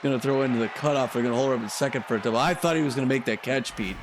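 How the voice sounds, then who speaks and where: A man's voice: medium pitch, racing, crowd noise, noisy background. A man calling a simulated baseball game play by play, chatty and cheering on his team. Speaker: commentator.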